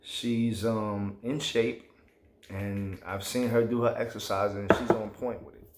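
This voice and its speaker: A man's voice: on the low side, level tone, unhurried, slight background noise. Man ranting casually in an echoey room. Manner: emphatic, rambling, slangy. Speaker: vlogger. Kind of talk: casual opinion rant.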